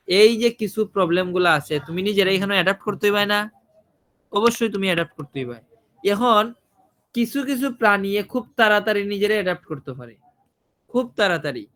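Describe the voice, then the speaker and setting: A man's voice: high-pitched, a bit bright. A man teaching an IELTS listening class, asking his students questions and repeating his points. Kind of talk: online listening class, explaining in Bengali.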